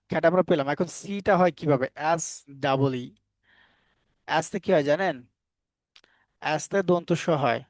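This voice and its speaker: A man's voice: on the high side, a little mellow, no room sound. Questioning, spelling-out male phonics teacher. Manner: asks the class questions and answers them himself; spells words out sound by sound. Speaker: English teacher. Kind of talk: phonics lesson for Bengali learners.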